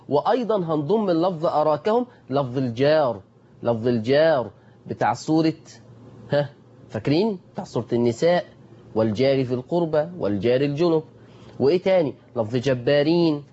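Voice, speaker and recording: A man's voice: mid-range voice, mellow, highs cut off. A man with an Egyptian Arabic accent teaching a Quran recitation lesson. He asks his students questions, answers them himself and repeats the key points. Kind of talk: tajweed lesson.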